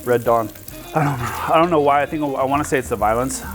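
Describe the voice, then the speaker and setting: A man's voice: medium pitch, quick pace. A man in his forties chatting casually and rambling as he cooks, swearing now and then. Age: 40s. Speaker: home cook host. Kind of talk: casual cooking chat.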